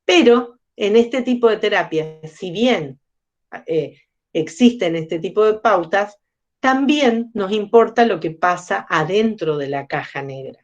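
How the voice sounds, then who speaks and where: A woman lectures on psychology, explaining ideas patiently and often turning questions to her listeners. Her voice sits at a mid pitch, and the recording sounds slightly dull and lo-fi. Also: lively intonation, measured pace. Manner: explanatory, asks the audience questions. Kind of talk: lecture to a class.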